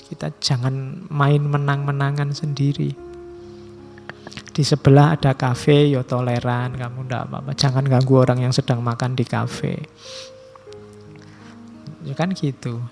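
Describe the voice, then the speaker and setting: A middle-aged man giving a philosophy lecture, measured and slowing down to stress key terms, with casual asides. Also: mid-range voice, vocal fry, a little mellow.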